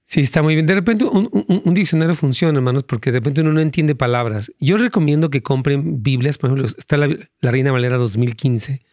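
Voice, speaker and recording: Male pastor, earnest and rambling, fillers, mid-pitched voice, dry close sound. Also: fast, hardly any pauses, a little mellow, dry recording. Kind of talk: answering callers' Bible questions.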